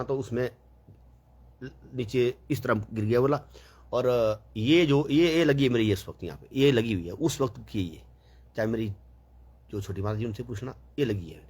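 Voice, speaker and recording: A man's voice: mid-range voice, moderate pace, darkish tone, breathy edge. A man telling a long, rambling story in a casual, chatty way, full of fillers and quoted dialogue.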